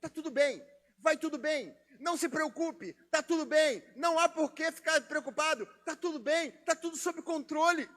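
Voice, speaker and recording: A male pastor voicing a calm, determined mother in a sermon, with steady, reassuring repetitions. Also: very high voice, moderate pace. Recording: long reverb of a church hall.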